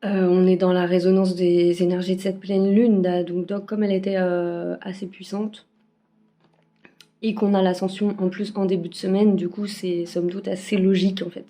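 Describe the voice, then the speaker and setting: Woman card reader, casual forecast, halting with fillers, mellow tone, phone-recorded. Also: mid-range voice. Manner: hesitant, many fillers and restarts. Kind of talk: casual weekly energy forecast. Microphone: phone camera.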